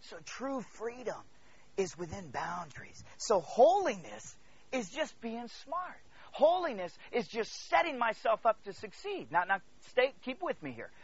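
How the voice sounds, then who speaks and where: A man from the Congo, Central Africa, preaches an animated sermon to a congregation on slightly dull audio. His voice is very high and very animated, with a breathy edge and a measured pace. He's emphatic, repeats phrases, checks in with listeners, and swings between hushed asides and loud declarations.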